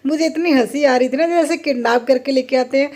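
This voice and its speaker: A middle-aged woman, speaking in a fairly high voice. She tells her story to viewers in a chatty, mock-indignant way and breaks into laughter easily. Her tone is that of a casual home vlog. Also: moderate pace, darkish tone. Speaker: family vlogger.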